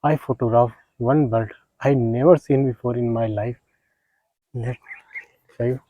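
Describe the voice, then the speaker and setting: A man narrating a casual outdoor wildlife vlog in a halting, unhurried, understated way. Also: medium pitch, steady tone, dark tone, dry recording, low-quality recording. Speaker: wildlife photographer vlogger. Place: outdoors in nature, close dry sound.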